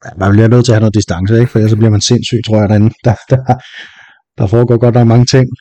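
Mellow low man, dry close sound. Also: dry recording. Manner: relaxed, hesitant, wry. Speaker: podcast panelist. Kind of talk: casual football podcast chat.

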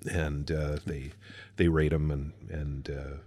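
A male podcast co-host with an extremely low voice, talking casually. He explains in halting bits, full of pauses and restarts. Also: little pitch movement, darkish tone, slightly rough, no echo. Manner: hesitant, many fillers and restarts when explaining. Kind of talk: casual chat.

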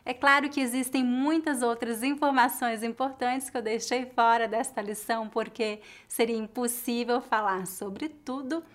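A woman from Brazil hosts an online language lesson, her voice sitting a little high. She speaks clearly and deliberately, shaping each word with care for her learners. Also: fairly bright tone. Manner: clear, carefully articulated teaching delivery. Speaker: language teacher.

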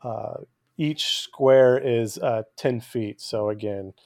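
A man's voice: medium pitch, fairly even intonation, takes it slowly, darkish tone, dry recording. Man game master with a dry, close sound. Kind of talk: narrating and refereeing a tabletop game.

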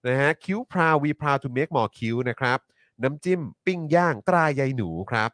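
A man's voice: medium pitch, lively intonation, normal speed, fairly bright tone, no room sound, studio quality. A man hosting a talk show, talking animatedly with co-hosts and often turning to the viewers. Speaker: show host.

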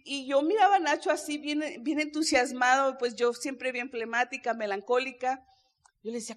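A woman speaks from a convention stage, sharing her story in an earnest, personal way. Her voice sits high. She keeps turning to the audience and talking to them directly. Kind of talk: motivational stage testimony. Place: stage before a live audience.

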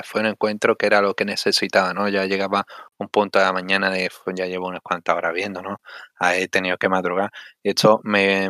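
A male podcast host with a low voice chats casually about sport. He thinks aloud, halting and seeking agreement with short tags, in a very dry recording. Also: a bit bright, no echo. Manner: halting, thinking aloud with frequent tag questions.

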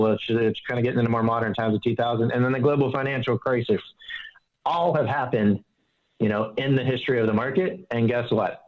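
A man giving calm financial advice in an interview, explaining with analogies and often restarting his sentences. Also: mid-range voice. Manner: earnest and explanatory, fond of analogies, many restarts. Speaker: financial advisor guest. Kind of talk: casual interview. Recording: dull, slightly lo-fi audio.

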